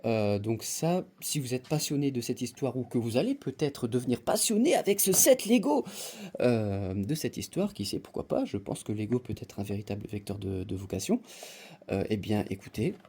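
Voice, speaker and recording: A man's voice: medium pitch, expressive, moderate pace, mellow, breathy edge. A man hosting a casual unboxing video, rambling and joking, with mock-formal asides and lots of hesitations. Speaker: YouTube host unboxing Lego sets.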